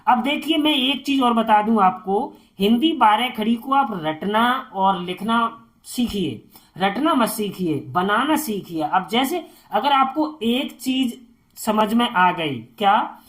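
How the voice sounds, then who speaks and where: A woman's voice: on the high side, lively intonation, slow pace. A woman teaching a beginners' spelling lesson, sounding out words letter by letter.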